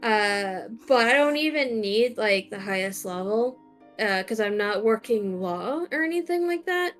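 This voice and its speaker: A young American woman with a medium-pitched, animated voice streams a game, chatting casually at a measured pace. She sounds hesitant, with lots of fillers and restarts, and faint music plays behind her.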